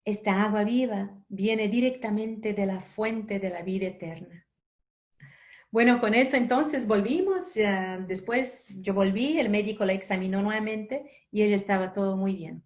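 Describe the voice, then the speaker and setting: A woman from Brazil giving a spiritual lecture, telling a personal story in a gentle, unhurried way with soft asides. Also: mid-range voice.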